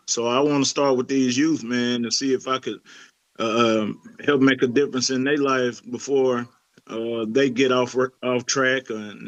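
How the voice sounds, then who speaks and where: Laid-back and full of fillers and restarts, a middle-aged youth pastor from Lebanon talks casually in an interview. His mid-range voice has a fairly bright tone, with no echo and the highs cut off.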